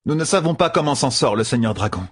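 A man reading an audiobook voices a composed, guarded noblewoman ruler who speaks in a measured way. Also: medium pitch, lively intonation, slightly rough, dry recording, clean studio sound, pitched above the performer's own voice. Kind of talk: audiobook character voice.

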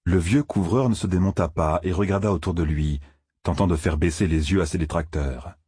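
A man reading a novel aloud in steady, measured audiobook narration. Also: low-pitched, breathy edge, no room sound, clean studio sound.

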